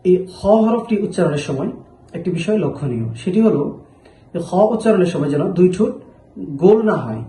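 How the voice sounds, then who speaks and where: Man, teacher, patient sound demonstrations, high-pitched, roomy echo. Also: big pitch swings, a little fast, warm tone. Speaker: Arabic letter teacher. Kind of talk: slow pronunciation lesson.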